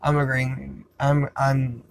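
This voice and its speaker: An agreeable podcast co-host talking through a movie review, full of quick agreement and recaps. The voice sits at a middling pitch, with a faint hiss of noise behind it. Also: monotone, vocal fry. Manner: agreeable, frequent backchannel, recaps. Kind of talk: casual movie review chat.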